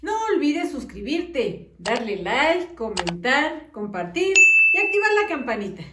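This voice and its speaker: A woman teaching a children's phonics lesson, sounding out letters in a slow, encouraging, sing-song way. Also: sits high, very animated, very noisy. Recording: echoey room.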